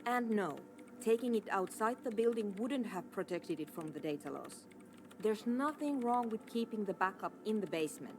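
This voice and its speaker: An actress playing a proud, exasperated programmer in a video game, curt, insistent and defensive. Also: female voice, mid-range voice, animated, normal speed, a little hiss or hum, close to an everyday voice. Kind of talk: scripted video game dialogue.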